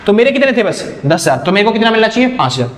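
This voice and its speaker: Male accounting teacher, higher voice, quizzes himself step by step, roomy echo. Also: very animated, very fast. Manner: explains step by step, asks and answers his own questions. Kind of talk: accounting lecture.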